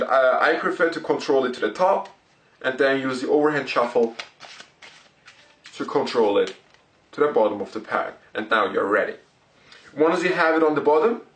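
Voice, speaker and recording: A man presenting card tricks and explaining them step by step, in deliberate, short broken phrases. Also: medium pitch, fairly bright tone. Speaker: magic tutorial presenter. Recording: roomy echo, distant microphone.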